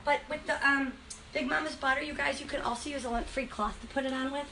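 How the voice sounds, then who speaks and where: Upbeat high-voiced woman hosting a craft tutorial. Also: steady tone, fast talker, creaky, bright, forceful tone. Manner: chatty and upbeat, talks to viewers as "you guys". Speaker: host demonstrating furniture finishing. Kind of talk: casual live tutorial chat. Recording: noisy live-stream recording.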